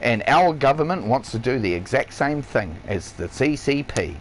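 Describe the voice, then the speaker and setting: A man's voice: medium pitch, animated, moderate pace, slight background noise, poor audio. A man who works as a chef, ranting on a live stream in a blunt, heavily profane, emphatic way. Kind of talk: ranting livestream monologue. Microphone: console headset or stream mic.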